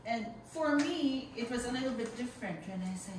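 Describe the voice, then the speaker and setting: A woman's voice: on the high side, animated, brisk. A woman teacher giving encouraging spoken feedback on presentations, often checking in with her listeners. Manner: encouraging, repeats "okay" as a check. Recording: echoey noisy room, distant mic.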